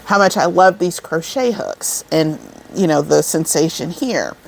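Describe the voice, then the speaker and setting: Woman, forties, casual vlog chat, rambling, says y'all, slow unhurried talk, gravelly creaky voice. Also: deep voice, lively intonation, a little hiss or hum. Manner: chatty, rambling, addresses viewers as y'all. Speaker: crochet vlogger. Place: indoors, seated over an air vent.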